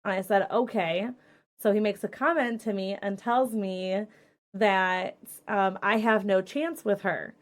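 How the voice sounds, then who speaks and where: Young woman, podcast host, casual storytelling, profane, animated. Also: mid-range voice, measured pace. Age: young adult.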